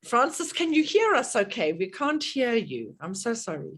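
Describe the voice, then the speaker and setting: On the high side with big pitch swings, her voice moves at a moderate pace and sounds a bit bright. She's a middle-aged South African woman hosting an online workshop over video call, chatty and prone to fillers and restarts.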